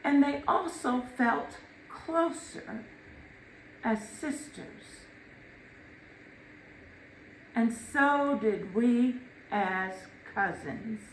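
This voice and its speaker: A woman delivering a eulogy to family, telling stories in a measured way with dramatic pauses and emphasis. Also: on the high side. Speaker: eulogist, daughter of the deceased. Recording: echoey room with faint noise.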